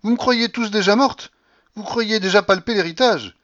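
Guy reading as a bossy old granny, loud and mocking, kinda muffled sound. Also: high voice, normal speed, no room sound, pitched above the performer's own voice. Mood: scolding. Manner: loud, scolding, sarcastic. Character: imperious old woman, sharp-tongued, mocking.

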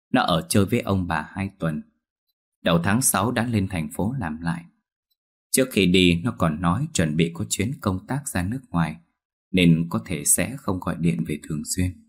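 A man narrating a ghost story in a slow, somber storytelling tone. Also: deep voice, breathy edge.

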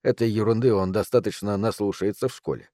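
A man reading a novel aloud in a calm, measured way. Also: fairly low pitch, dry recording, clean studio sound. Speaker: audiobook narrator.

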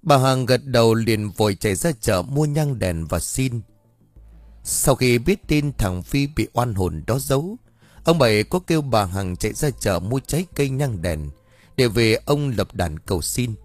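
A man's voice: medium pitch, expressive, a little slow, dry recording. Man, story narration, dry sound, faint music. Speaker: audiobook narrator.

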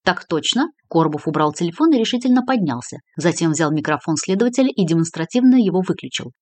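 Brief: female audiobook narrator, quick and lively in pitch, dry close mic. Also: no room sound. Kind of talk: scripted narration.

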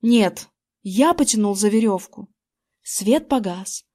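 A woman narrating an audiobook in the first person with lively, expressive storytelling. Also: fairly high pitch, moderate pace.

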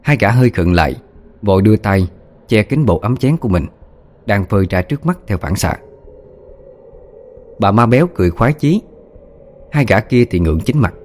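A man narrating a ghost story as an audiobook, telling it calmly and voicing every character himself. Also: fairly low pitch, brisk. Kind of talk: storytelling narration doing all voices.

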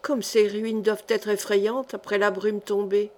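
A woman's voice: medium pitch, level tone, measured pace, close to an everyday voice. A woman reading the part of a timid, pious young girl with a childlike, innocent manner in an audiobook. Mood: anxious.

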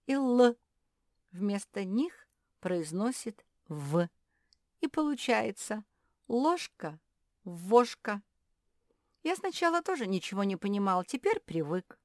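A woman's voice: mid-range voice, dry recording, clean studio sound, voice pushed up, lightly acted. A woman voicing an earnest young schoolboy who patiently explains things to a classmate. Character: eager schoolboy pupil, earnest and kind.

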